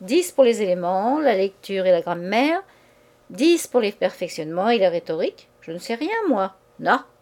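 A woman's voice: mid-range voice, very animated, normal speed, a little mellow. A woman voicing a playful young man who teases his new wife in a mock schoolboy manner. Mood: teasing. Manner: mock schoolboy stammer, childish "na?".

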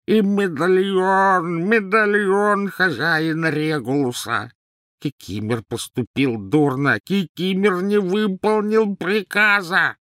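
Guy doing a croaky wheezy old house-elf, high and whiny, slow wailing, dry sound. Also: a bit bright, no echo. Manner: wails and drags words out slowly. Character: old male house-elf, servile, sobbing, bitter. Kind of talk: audiobook character voice.

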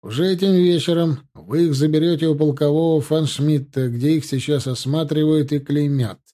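A man voicing an officer who shouts clipped drill commands at new recruits in a storybook reading. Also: on the high side, steady tone, moderate pace, natural voice. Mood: commanding.

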